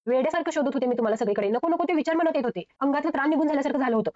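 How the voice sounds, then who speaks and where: A woman's voice: high-pitched, very fast, darkish tone, lo-fi sound, pitched above the performer's own voice, natural voice. A woman voicing an anxious young wife who scolds her husband in a raised, agitated voice. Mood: upset scolding.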